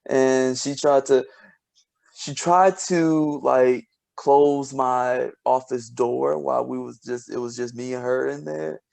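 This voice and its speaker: Guy with a gravelly voice, middle pitch, rambling through a story, keeps laughing and restarting. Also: fairly even intonation, slow pace, a little mellow. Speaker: podcast co-host, scientist. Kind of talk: casual storytelling chat.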